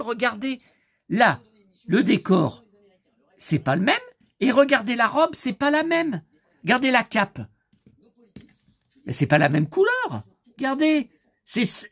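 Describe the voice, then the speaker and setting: A man with a hoarse voice chatting casually to his viewers about his purchases, grumbling and addressing them directly. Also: high voice, no room sound. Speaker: collector vlogger showing his purchases.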